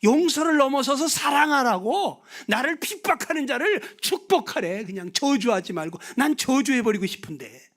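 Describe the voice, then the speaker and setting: A man preaching a revival sermon, swinging from loud exclamations to hushed whispers and prodding the audience with questions. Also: very high voice, expressive, moderate pace, few pauses. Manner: prods the audience with questions and tag words. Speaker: guest preacher at a revival meeting.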